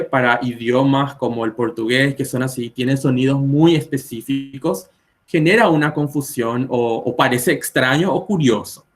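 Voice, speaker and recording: Patiently explaining pronunciation with spoken examples, a Spanish teacher streams live on video. He's in his twenties, has a Paraguayan Spanish accent, and speaks at a medium pitch.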